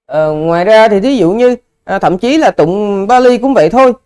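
A man's voice: high-pitched, expressive, normal speed, a little mellow, clean tone. A male Buddhist monk answering a Dharma question, explaining patiently and addressing his listeners politely. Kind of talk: Dharma Q&A teaching.

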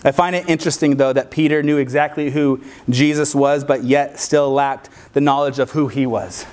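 A man, a youth pastor, preaching a sermon in a lively, conversational way, with frequent asides to his listeners. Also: mid-range voice, normal speed, clean tone.

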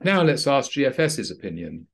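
A man narrates a screen-recorded walkthrough as a pilot instructor. His delivery is practical and dryly understated, and his pitch rises and falls in a lively way as he points things out. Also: moderate pace. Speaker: flight training instructor.

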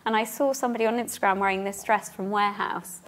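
A woman's voice: mid-range voice, steady tone, quick pace. Woman, thirties, co-presenter, friendly, eager, studio chat. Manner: friendly, eager, agrees a lot. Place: small studio sofa.

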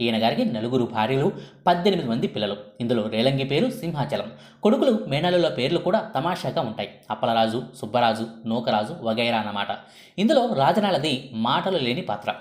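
A male narrator reads a scripted film history with a lively, rising-and-falling pitch. His voice sits at a middle height and rings in a roomy, echoey space. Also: fairly quick. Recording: echoey room.

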